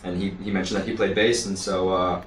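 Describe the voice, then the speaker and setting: A man from Florida, a rhythm guitarist guesting on a radio show, telling a story hesitantly with many pauses. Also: sits low, flat delivery, fairly bright tone. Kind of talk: casual radio interview. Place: radio studio. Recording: echoey, distant from the mic.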